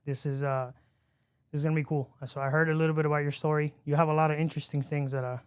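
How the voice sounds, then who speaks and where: Smooth-voiced man hosting a podcast. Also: a little high, flat delivery, quick pace, no room sound, clean studio sound. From lives in Miami. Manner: easygoing, chatty, frequent restarts and laughs. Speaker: podcast host. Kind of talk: casual interview chat.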